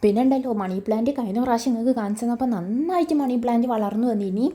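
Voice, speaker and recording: A woman's voice: a little high, racing, dark tone, slightly rough. A woman vlogger giving a casual voice-over that explains each chore step by step.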